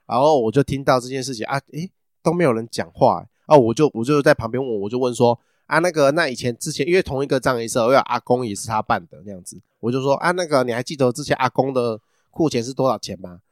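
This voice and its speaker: A man's voice: medium pitch, fast, dry recording, studio quality. A man chatting on a podcast, telling a story at length and laughing often as he goes. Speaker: podcast co-host. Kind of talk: casual chat.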